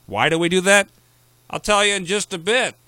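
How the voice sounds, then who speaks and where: A man's voice: high-pitched, moderate pace, pushed and bright, dry recording. A man hosting a talk radio show, ranting in a sarcastic, opinionated way.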